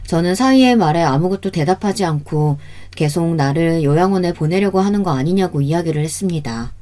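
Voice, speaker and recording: Brief: female storyteller, scripted first-person narration, steady and even. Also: fairly low pitch.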